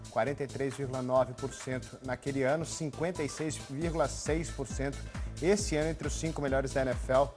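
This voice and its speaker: A man with a Brazilian accent hosting a sports show in a conversational presenting style. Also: mid-range voice.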